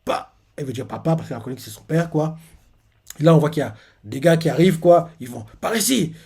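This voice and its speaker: A man with a slightly high, animated voice that is creaky, darkish, and a bit breathy speaks quickly while hosting a live manga reaction. He retells a comic chapter in casual, rambling talk full of filler words and restarts.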